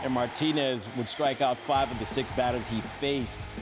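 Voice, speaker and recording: A man co-hosting a top ten countdown of sports highlights, announcing punchily with casual asides. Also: fairly even intonation, moderate pace. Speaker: sports show co-host. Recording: music bed behind voice. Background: music.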